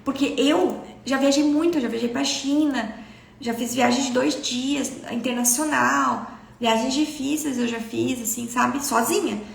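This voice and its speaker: High, gravelly Brazilian woman hosting a live stream. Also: measured pace, reverberant, slight background noise. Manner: expressive, earnest, storytelling. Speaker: spiritual self-development host. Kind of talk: casual live-stream talk.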